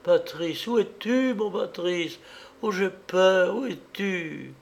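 Terrified young woman pleading in the dark, raised trembling voice, slow, voiced by a male reader. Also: high-pitched, lively intonation, gravelly, pitched above the performer's own voice, full character voice. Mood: frightened pleading.

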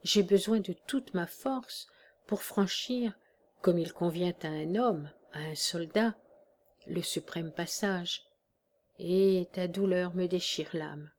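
A woman reading as a dying old army captain, hushed and calm. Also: lowish voice, slow. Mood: weary, tender. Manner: weak, hushed, steady.

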